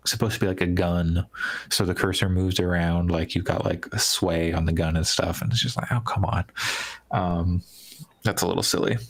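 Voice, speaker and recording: Low gravelly man rambling about games. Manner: rambling, heavy use of "like", trailing restarts. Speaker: podcast co-host. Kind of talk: casual gaming podcast chat.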